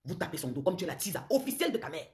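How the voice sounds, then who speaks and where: Woman, Cameroonian French accent, live-stream host; fast, low-pitched, accusatory and confrontational delivery. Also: big pitch swings, a little mellow. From southern Cameroon. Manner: accusatory, confrontational, repeats taunts. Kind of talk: heated live-stream rant.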